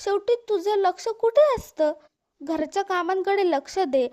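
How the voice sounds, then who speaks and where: A firm, lecturing elder brother from a storybook, voiced by a woman. He tells his younger sister off in a steady, stern manner, in her very high voice. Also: unhurried.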